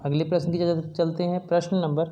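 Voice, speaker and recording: Mellow-voiced teacher explaining a poem. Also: mid-range voice, flat delivery, a little fast. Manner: paraphrases each verse line and tells students what to write. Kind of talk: explaining a poem and dictating worksheet answers.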